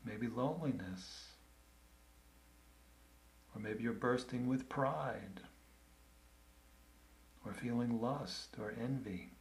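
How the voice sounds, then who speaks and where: A man leading a guided meditation in a calm, gentle, unhurried way, with long pauses between phrases. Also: mid-range voice, rough recording.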